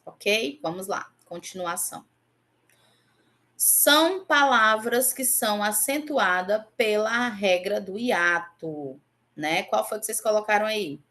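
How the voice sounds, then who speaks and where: A woman's voice: mid-range voice, pushed and bright. A woman teaching a Portuguese grammar class online, going over exam answers and often checking in with her students. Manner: repeats example words slowly.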